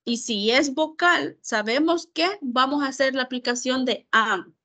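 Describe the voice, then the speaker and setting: A woman teaching English in an online class, explaining slowly in Spanish and repeating English words to model how they sound. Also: high voice, bright, forceful tone. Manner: slow, careful, repeats words to model pronunciation.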